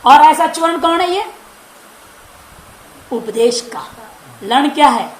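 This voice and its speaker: A woman's voice: sits high, animated, slow pace. A woman teacher giving a grammar lecture, asking the class questions and answering them herself. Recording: roomy echo with faint background hiss.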